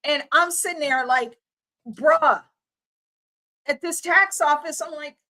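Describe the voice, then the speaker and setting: A woman's voice: high voice, slow pace, pushed and bright. A woman, hosting a livestream and ranting in an exasperated, casual, slangy way. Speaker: livestream host.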